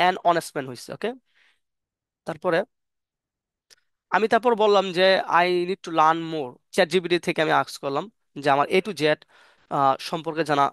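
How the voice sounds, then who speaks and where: A man teaches English grammar in a loose, thinking-aloud way. He reads example sentences slowly and then rushes through the explanations. His voice sits a little high, smooth and clear, in a dry, close recording. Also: a bit bright, dry recording. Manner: many fillers and restarts, thinks aloud. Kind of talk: casual grammar lesson.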